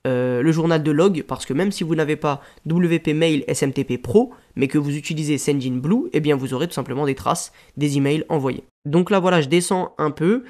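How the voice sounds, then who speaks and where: Casual French tutorial guy, slightly high voice, chatty and full of fillers. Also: a little fast, hardly any pauses, darkish tone. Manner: casual, rambling explanations with frequent fillers. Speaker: WordPress tutorial host. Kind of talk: screen-share tutorial.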